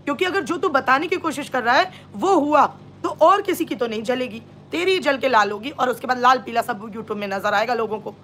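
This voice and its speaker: Woman vlogger, high voice, sore throat, sarcastic scolding rant. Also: a little fast, few pauses, sharp tone, slight background noise. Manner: scolding, sarcastic, rhetorical questions. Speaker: reaction vlogger. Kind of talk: live-stream reaction rant.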